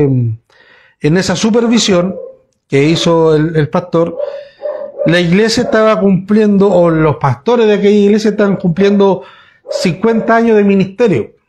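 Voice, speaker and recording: A pastor preaches in a fairly high voice. He talks to his congregation in a loose, storytelling way, often breaking off and restarting his sentences. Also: a little mellow, a little hiss or hum. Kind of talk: sermon. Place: church.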